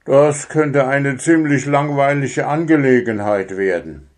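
A man's voice: mid-range voice, unhurried, voice pushed up, close to an everyday voice. A man voicing a grumbling, evasive male mole father in a children's storybook. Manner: grumbling, sulky.

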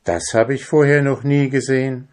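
A man's voice: mid-range voice, steady tone, normal speed, pitched above the performer's own voice, close to an everyday voice. A bearded little dwarf who frets and panics, speaking in a slightly raised, agitated voice, as a man plays him. He sounds anxious and easily rattled. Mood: flustered. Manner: flustered, anxious. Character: fretful bearded male dwarf.

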